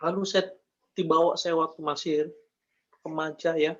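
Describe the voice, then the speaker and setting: A man's voice: on the high side, little pitch movement, normal speed, lo-fi sound. A man giving an emotional faith testimony, earnest and repetitive, speaking directly to his listeners. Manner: earnest, repeats phrases, addresses listeners as brother and sis.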